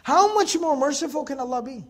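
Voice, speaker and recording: A man's voice: very high voice, animated, brisk. A man teaching Quran commentary in a lecture, emphatic and conversational, driving his points home with rhetorical questions. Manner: conversational, addresses listeners as folks.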